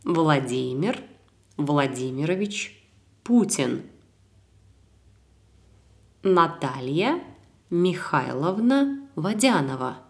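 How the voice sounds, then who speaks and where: Slow, low-voiced woman teaching a lesson. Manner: calm, clear instructional delivery, repeats words for practice. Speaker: language teacher. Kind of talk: recorded language lesson.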